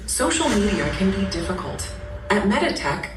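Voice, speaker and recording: An actress playing an assured corporate tech narrator in a parody commercial. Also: female voice, mid-range voice, sing-song, moderate pace, natural voice. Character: smooth corporate female tech advert narrator. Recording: roomy distant playback with music.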